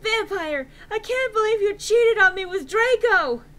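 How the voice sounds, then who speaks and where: A woman's voice: extremely high pitch, expressive, takes it slowly, sharp tone, pitched above the performer's own voice, heavily acted. A woman voicing a furious, melodramatic goth teenage girl in a dramatic reading, screaming her lines like a hammy stage actor. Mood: shrieking fury. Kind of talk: dramatic reading of fan fiction.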